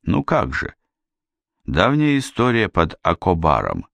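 A man voicing a confident male king who speaks softly and teases gently, in an audiobook reading. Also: low-pitched, wildly swooping pitch, measured pace, creaky, dry recording, full character voice. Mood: wry. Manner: soft, gently teasing. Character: calm wry male king, confident ruler.

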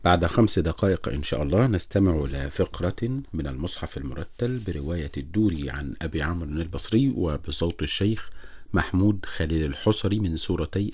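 Man, deep husky voice, quick formal announcing, radio station. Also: lively intonation, darkish tone. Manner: crisp, formal announcer delivery. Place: radio studio.

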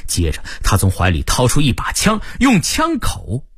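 Brief: husky male storyteller, very animated pitch, suspense narration. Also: normal speed, dry recording, studio quality. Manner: vivid, suspense-building delivery. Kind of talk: dramatic first-person story narration.

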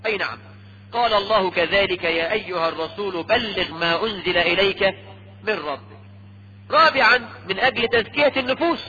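A man preaching a lecture sermon in an Egyptian Arabic accent, lively and teasing, often checking his audience with a quick question. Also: sits high. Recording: dull lo-fi lecture tape with faint hum.

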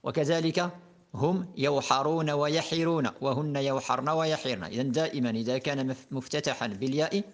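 Methodical man teaching Arabic grammar. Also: mid-range voice. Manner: methodical, reciting verb conjugations in steady patterns. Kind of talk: classroom lesson explaining a grammar poem.

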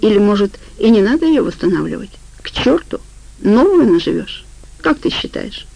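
A woman reading the part of a soft-spoken, persuasive and quietly menacing middle-aged man in an audiobook. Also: mid-range voice, very animated, normal speed, gravelly, low-quality recording. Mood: coaxing. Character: sly, coaxing middle-aged man boss.

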